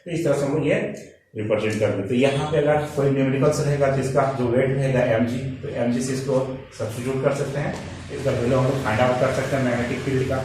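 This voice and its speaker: Guy teaching physics at the board, asks himself questions as he goes, mid pitch, sounds far off in a really echoey room with a little hiss. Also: fairly even intonation, fast, darkish tone. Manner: explains step by step, asking himself questions; mixes Hindi and English. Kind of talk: classroom lecture at a board. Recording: very echoey room, distant mic, faint noise.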